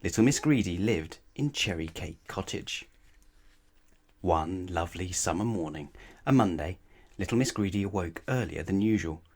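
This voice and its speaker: As a storybook reader, a man delivers a children's bedtime story playfully and with emphasis, elongating key words and asking his young listener rhetorical questions. His voice sits low, animated and darkish in tone.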